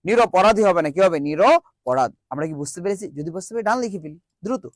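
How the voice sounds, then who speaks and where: A man's voice: sits high, animated, fast, no room sound. A man teaching an online grammar class, drilling students with call-and-response and repeating each question. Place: virtual classroom.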